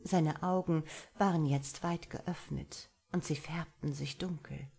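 Husky, low-voiced woman reading a romance novel. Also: fairly even intonation, measured pace, mellow. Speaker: audiobook narrator.

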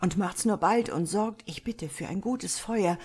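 A woman's voice: lowish voice, a little slow, darkish tone, slightly rough. A woman voicing a freezing young male scholar who begs desperately to be let in, for a storybook reading. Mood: pleading. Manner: pleading, desperate.

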